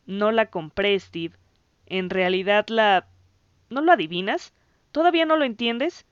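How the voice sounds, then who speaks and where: A woman's voice: medium pitch, animated, unhurried, smooth, no room sound, dull audio, lightly acted. A woman voicing a proud boy who boasts and defends himself. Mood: insistent. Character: proud boy, cocky but uneasy.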